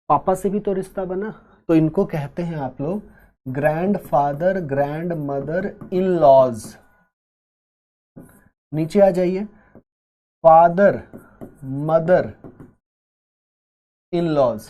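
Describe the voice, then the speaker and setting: A man teaching an exam-prep class, explaining step by step at a slow, deliberate pace and adding joking asides to his students. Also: on the high side, warm tone.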